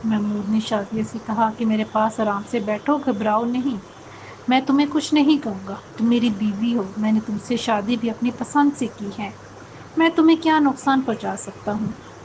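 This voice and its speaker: A woman voicing a grieving young husband in a read-aloud story, her own high voice barely changed. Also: background noise, close to an everyday voice. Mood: coaxing.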